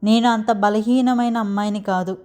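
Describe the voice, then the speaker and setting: A woman reading the lines of a calm, confident young wife in a story, gently reassuring. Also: mid-range voice, normal speed, clean tone, natural voice.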